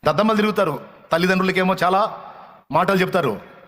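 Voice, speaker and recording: A man preaching a fiery sermon, scolding his listeners harshly with rapid, repeated rebukes. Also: high-pitched, fairly bright tone, long reverb tail.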